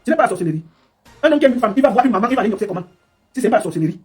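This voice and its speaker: A woman's voice: on the high side, expressive, darkish tone, breathy edge, soft background music. A woman giving a scolding, mocking live commentary. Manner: scolding, mocking, rapid-fire. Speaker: livestream commentator.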